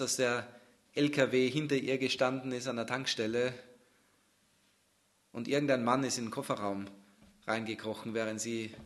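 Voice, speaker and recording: A man preaching a sermon in German, dropping to a near-whisper at times and then swelling loud with intensity. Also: mid-range voice.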